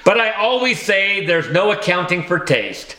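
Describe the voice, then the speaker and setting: A man's voice: sits high, sing-song, unhurried, pushed and bright, reverberant, low-quality recording. A man narrating a children's audiobook in the first person, with a wry storytelling manner.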